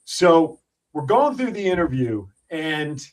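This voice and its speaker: A man's voice: fairly high pitch, takes it slowly, far from the mic, poor audio. A man hosting a radio talk show, telling stories with lots of fillers and restarts. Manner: animated storyteller, many fillers and restarts. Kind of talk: casual radio talk and storytelling.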